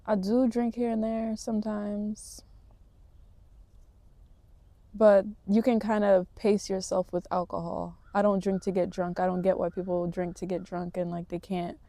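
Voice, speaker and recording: A woman's voice: mid-range voice, little pitch movement, normal speed, hardly any pauses, warm tone, no room sound. A woman talking to camera in a casual vlog, reflective and motivational, rambling a little with fillers. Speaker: vlogger.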